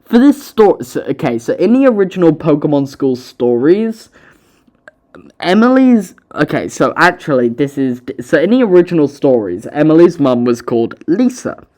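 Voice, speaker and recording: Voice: medium pitch, very animated, normal speed, darkish tone. Casual, swearing storyteller. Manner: casual, self-mocking, swears often. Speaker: author narrating own audiobook. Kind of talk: storybook narration with joking commentary.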